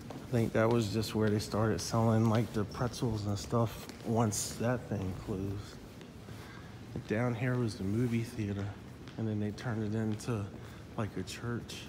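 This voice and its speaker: A man's voice: fairly low pitch, level tone, unhurried, background noise. A middle-aged man walking through an empty indoor mall, casually recalling the stores that used to be there, recorded on a handheld phone. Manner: reminiscing, pointing out old stores. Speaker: vlogger touring a closed mall. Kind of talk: casual walking tour narration. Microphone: handheld phone camera.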